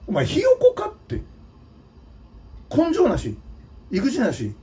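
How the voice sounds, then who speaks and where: A man's voice: extremely high pitch, huge pitch swings, slow pace, warm tone, distant mic. A man from Nagano, Japan, hosting his own channel, giving a blunt, scolding opinion monologue with mocking asides. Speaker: channel host and drummer.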